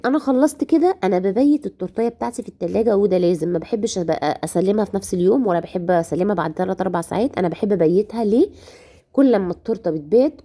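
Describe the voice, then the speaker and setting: A woman with an Egyptian Arabic accent, hoarse and nursing a cough, chatting directly to her viewers through a cake decorating tutorial. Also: medium pitch, dark tone. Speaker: home baker.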